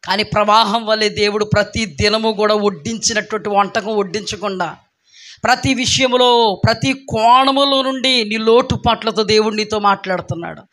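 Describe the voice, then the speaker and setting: A man's voice: high voice, normal speed, pushed and bright. A male pastor preaching a sermon, firing rhetorical questions at the congregation and repeating phrases for emphasis.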